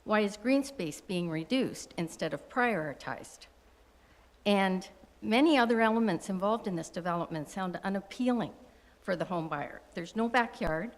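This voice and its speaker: A woman's voice: medium pitch, expressive, moderate pace. A woman from Wasaga Beach in Ontario, Canada, making a chatty public comment at a council meeting, with restarts and asides. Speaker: resident speaking at public meeting. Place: council chamber. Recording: council chamber with long reverb.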